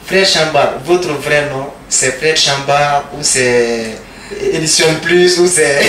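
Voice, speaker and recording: Bright-voiced male radio host, echoey. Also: a little high, slow, distant mic, a little hiss or hum. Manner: repeats the guest's answers back, many fillers. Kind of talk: radio interview. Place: radio studio.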